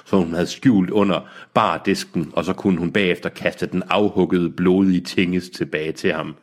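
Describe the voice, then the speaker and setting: A man's voice: low-pitched, fairly even intonation. A man reading a novel aloud on a podcast, breaking off to joke and laugh about the text. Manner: laughing, mocking the text as he reads. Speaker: reader of a novel on a comedy podcast. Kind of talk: reading aloud with joking asides.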